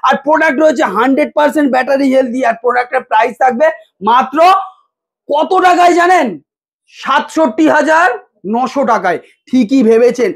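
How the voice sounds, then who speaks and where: Bengali guy pitching phone deals in a shop, real high voice, keeps asking guess the price. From West Bengal, India. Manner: hawking, teasing the viewer with rhetorical price questions. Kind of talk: promotional sales pitch. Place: inside a mobile phone shop.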